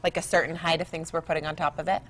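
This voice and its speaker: A woman's voice: low voice, little pitch movement, racing, a bit bright. Enthusiastic American woman hosting daytime TV. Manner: enthusiastic, chatty. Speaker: TV show host. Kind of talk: lifestyle show interviewing. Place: TV studio set, indoors.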